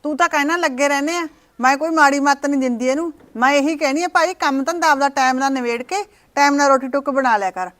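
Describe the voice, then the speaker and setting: A woman's voice: sits high, fast talker, fairly bright tone. A woman playing a scolding mother-in-law. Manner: scolding, nagging. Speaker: actor in a short film. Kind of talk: Punjabi village short-film drama.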